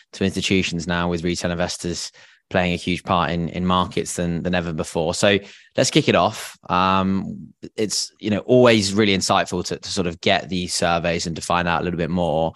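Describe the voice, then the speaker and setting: A man's voice: sits low, steady tone, moderate pace, fairly bright tone, no echo, studio quality. A man co-hosting a financial podcast in a conversational style. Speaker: podcast co-host.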